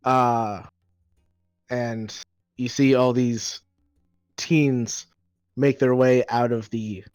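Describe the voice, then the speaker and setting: A man improvising narration as game master of a tabletop game, halting and pausing mid-phrase. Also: medium pitch, fairly even intonation, darkish tone, clean tone, no echo, muffled recording.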